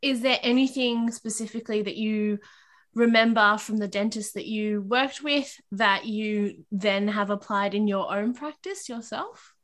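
Bright, playful woman co-host. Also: mid-range voice, a little slow. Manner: playful, jokey. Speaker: podcast co-host. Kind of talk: casual interview chat.

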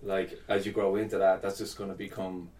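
A man with a lowish voice hosts a relaxed podcast interview. He talks in a halting, reflective way, repeating phrases, with audible noise in the background. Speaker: podcast host. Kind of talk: casual interview chat.

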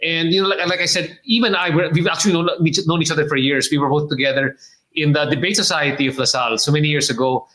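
A Filipino man hosting a podcast, with a bright, slightly high voice. He rambles in a friendly, chatty way and drops Filipino words into his English. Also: fairly even intonation, fast. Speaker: podcast host. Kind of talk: casual interview chat.

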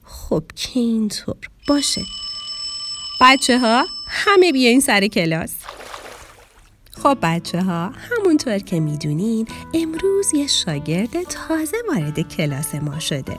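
A kind, patient female fish schoolteacher from a children's storybook, voiced by a woman. She lectures calmly and gently, with a lively rise and fall. Faint music plays underneath. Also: medium pitch, natural voice. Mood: teaching.

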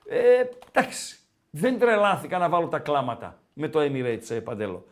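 A man hosts a relaxed football chat show. His voice sits high and swings widely as he talks, and he often repeats his own phrases. He reads viewer messages aloud in an animated, chatty way. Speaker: podcast host.

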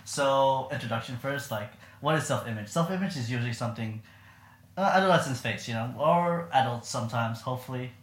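A man's voice: mid-range voice, fairly quick. A young man hosting a podcast, talking casually in a rambling way with lots of fillers and laughs. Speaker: podcast host. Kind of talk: casual chat. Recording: echoey room.

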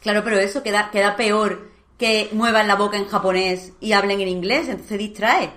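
A woman co-hosting a casual chat, arguing quickly and correcting herself. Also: mid-range voice, fairly even intonation, a bit bright. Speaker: podcast co-host.

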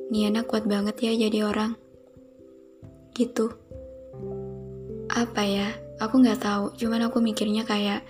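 A young woman hosting a podcast, speaking a slow, soft and heartfelt reflective monologue. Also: mid-range voice. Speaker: podcast host. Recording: music playing behind the voice.

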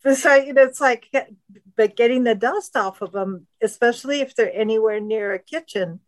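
A woman's voice: fairly high pitch, moderate pace. Candid, chatty woman co-host. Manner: candid and chatty, with frequent "you know". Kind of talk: casual interview chat.

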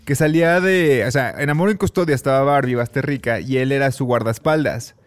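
A man with a Mexican Spanish accent hosting a podcast chat, teasing his co-hosts with quick joking asides. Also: mid-range voice. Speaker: podcast host. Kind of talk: casual chat.

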